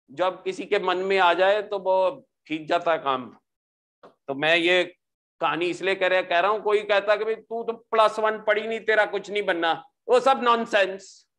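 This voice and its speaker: A man giving a maths lecture, animated and repetitive, often pausing to ask for agreement. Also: sits high. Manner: animated, repeats "ठीक है जी", mixes English into speech. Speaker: maths teacher. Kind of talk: classroom lecture with pep talk.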